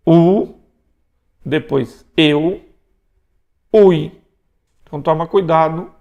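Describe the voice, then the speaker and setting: In a recorded lecture, a man from Brazil walks through Greek pronunciation one step at a time, often adding brief tag questions to check understanding. He speaks on the high side, with vocal fry and a slightly mellow quality.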